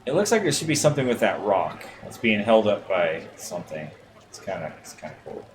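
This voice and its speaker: A man commentating his gameplay on a livestream, muttering to himself and cursing at the game. His voice sits low, with steady background noise on the stream audio. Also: brisk.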